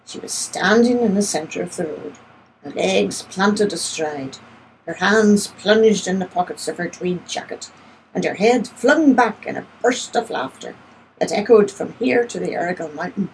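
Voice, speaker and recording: A woman reading a story aloud as its first-person narrator, in a steady, measured storytelling manner. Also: mid-range voice, husky, low-quality recording.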